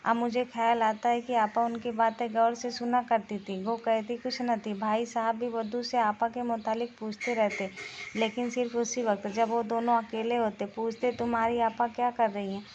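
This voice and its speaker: A woman's voice: on the high side, level tone, normal speed, darkish tone. Woman reading a novel in a level voice. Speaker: storyteller. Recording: muffled lo-fi recording with faint hiss.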